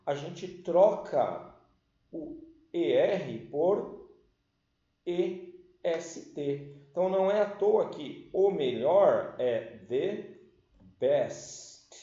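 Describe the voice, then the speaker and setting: A man's voice: on the high side, expressive, slow, warm tone. A man, teaching an English grammar lesson patiently and checking that his class follows. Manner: explains patiently, checks understanding with "certo?" and "tá certo?"; addresses the class as "galera". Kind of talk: recorded online class lesson. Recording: echoey room, dull lo-fi sound.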